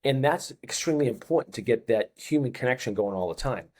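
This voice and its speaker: He talks quickly and expressively, his medium-pitched voice carrying a darkish tone. A Boston native in his fifties, he coaches fitness and is guesting on a relaxed podcast, where he keeps repeating phrases for emphasis.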